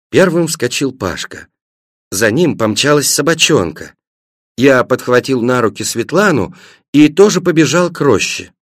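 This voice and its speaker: Expressive man reading a story aloud. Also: mid-range voice, no echo, studio quality. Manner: expressive, varied reading with voiced characters. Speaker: narrator. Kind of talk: scripted narration of a children's story.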